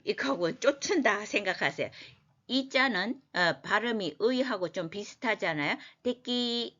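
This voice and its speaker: A woman giving a language lesson as a teacher, explaining scripture word by word and repeating phrases slowly for learners. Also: mid-range voice, fairly bright tone, highs cut off.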